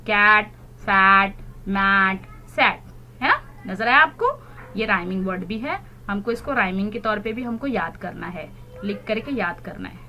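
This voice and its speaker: A woman's voice: on the high side, bright, forceful tone, slight background noise. A woman teaching young children, explaining in Hindi and spelling words out letter by letter. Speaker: primary school English teacher. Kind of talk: recorded online class lesson.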